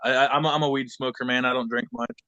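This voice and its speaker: A man's voice: mid-range voice, steady tone, quick pace, muffled recording, a loud crowd. A man taking a singing lesson, who stammers and repeats words and swears freely in casual talk. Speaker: voice student.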